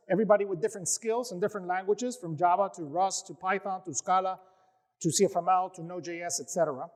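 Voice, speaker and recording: Upbeat man with a high voice. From United States. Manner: upbeat, animated delivery with frequent "uh" fillers. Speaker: company CEO giving a conference talk. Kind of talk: tech conference presentation. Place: conference session room.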